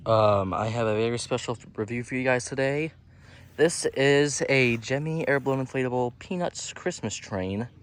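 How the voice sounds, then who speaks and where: A man's voice: mid-range voice, smooth, poor audio. A man hosting a casual review vlog outdoors, talking hesitantly with many ums and restarts. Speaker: inflatable reviewer. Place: outdoors in a yard.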